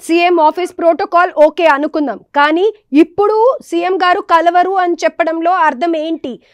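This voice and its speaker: Female anchor, pressing but measured, very high pitch. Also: no room sound. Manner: pressing, measured follow-up questions. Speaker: interviewer, news anchor. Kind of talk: probing news interview.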